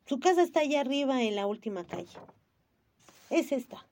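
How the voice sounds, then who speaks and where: A woman's voice: sits high, lively intonation, a little mellow, slight background noise, pitched above the performer's own voice. A woman voicing a sour, grumbling man in a waistcoat, reading a storybook aloud. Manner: sour, slow and disdainful.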